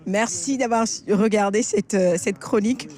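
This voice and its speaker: A woman field reporter presenting a street chronicle outdoors, chatting and asking lively questions. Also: mid-range voice, normal speed.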